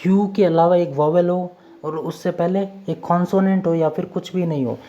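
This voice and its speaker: Low mellow woman teaching step by step. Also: steady tone, moderate pace, dull audio. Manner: repetitive, drills formulas step by step, addresses viewers as friends. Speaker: English spelling teacher. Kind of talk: classroom-style lesson explaining rules.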